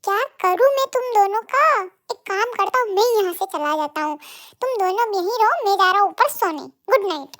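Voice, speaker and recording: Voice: extremely high pitch, expressive, fairly quick, fairly bright tone, dry recording, studio quality. A performer voicing a stern, grumpy middle-aged father who scolds and grumbles sarcastically in a fan-dub drama. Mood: scolding.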